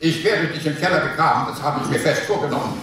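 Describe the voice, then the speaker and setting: An actor playing a petulant, henpecked husband in a live comic sketch reading on a theater stage, talking in a blustering, indignant way with chuckles. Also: male voice, on the high side, fast, fairly bright tone, recorded from a distance, lightly acted. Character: petulant henpecked husband plotting against wife. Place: theater stage before an audience. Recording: echoey, noisy live theater recording from afar.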